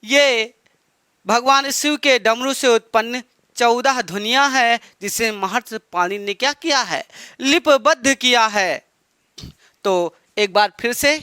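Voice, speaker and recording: A male teacher giving a slow exam-prep lecture, repeating each item and quizzing his students. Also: very high voice, bright, forceful tone, smooth, dry recording, clean studio sound.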